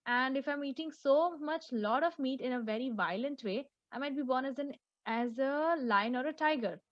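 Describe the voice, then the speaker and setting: A woman with a high-pitched voice teaches an online class over a video call, speaking haltingly with many fillers and restarts. The recording is muffled but has no echo.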